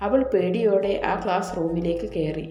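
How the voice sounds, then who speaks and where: A woman narrating a story in a gentle, even voice, reading the characters' lines without changing her voice. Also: on the low side, normal speed. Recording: echoey room, soft background music.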